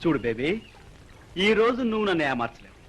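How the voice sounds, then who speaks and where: Teasing young film lover, high voice, lively pitch, loud music behind. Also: male voice, fairly quick, slight background noise. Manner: teasing, playful, shouting warnings. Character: playful young man named Vijay, teasing lover. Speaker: film lead. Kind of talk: Telugu film dialogue.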